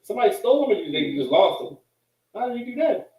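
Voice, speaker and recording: The recording is echoey and slightly distant. A high-voiced man talks fast and informally, with animated pitch, in a casual questioning chat. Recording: echoey room, distant microphone.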